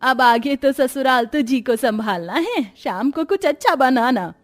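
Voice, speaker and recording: Cartoon mother-in-law, middle-aged, kind and naive, motherly, slow and lively in pitch, voiced by a woman. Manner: motherly and coaxing, sometimes scolding. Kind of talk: Hindi cartoon voice acting.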